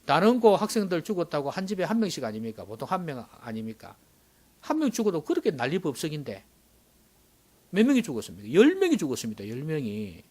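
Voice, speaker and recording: A male pastor delivers a sermon with a fairly high, very animated voice. He rises to loud, urgent exclamations and then drops suddenly into hushed whispers for effect. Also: fast.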